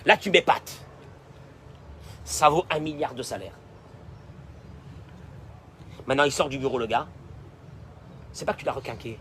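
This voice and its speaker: A male rabbi preaching a sermon, emphatic and repetitive, swinging between loud declarations and hushed asides. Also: mid-range voice, a little hiss or hum.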